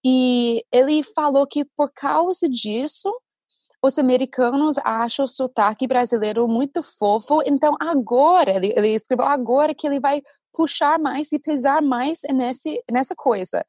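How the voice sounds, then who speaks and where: A woman's voice: high-pitched, dry recording, studio quality. A Brazilian woman, an English teacher and content creator, talking animatedly in a casual chat, with lots of fillers. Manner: animated, talks fast with many fillers.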